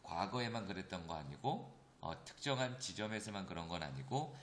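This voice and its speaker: A man teaching an English grammar lesson, explaining step by step and often checking in with his students. He slows down to read English example sentences aloud. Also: deep voice, expressive, reverberant, a little hiss or hum. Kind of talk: recorded classroom lecture.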